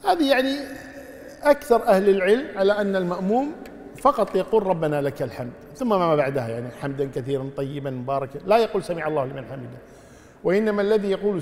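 A man, an Islamic scholar, answering listeners' religious questions in a measured way, often adding pious formulas. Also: fairly high pitch, darkish tone, big-room sound. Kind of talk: religious Q&A lesson.

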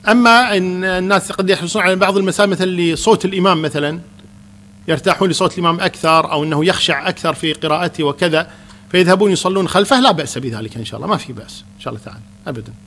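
A man, a Quran teacher calmly answering questions in a religious lesson. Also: sits high, very fast, slight background noise.

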